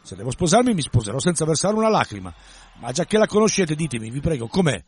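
A brash young man who sneers at girls and boasts, as a male reader puts him on. The voice sits fairly high and swings all over the place, with a slightly husky edge. He sounds excitable and cocky in this storybook reading. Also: quick pace. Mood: boastful.

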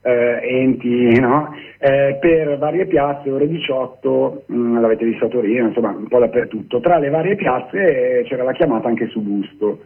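A man speaking on speakerphone over a phone line as a guest activist in a radio interview, halting with many pauses and fillers. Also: medium pitch, breathy edge.

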